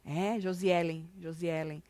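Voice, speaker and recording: A woman's voice: fairly low pitch, steady tone, slow, warm tone, no room sound. A woman co-hosting a celebrity gossip show, chatty and teasing, reading out viewer comments.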